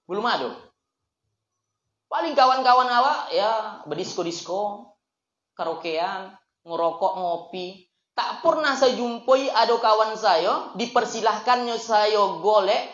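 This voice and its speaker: A man's voice: high-pitched, lively intonation, measured pace, a bit bright. Young man preaching in an echoey room. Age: 20s. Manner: chatty and joking, asks the audience questions. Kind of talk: casual religious talk to young people. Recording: echoey room, dull lo-fi sound.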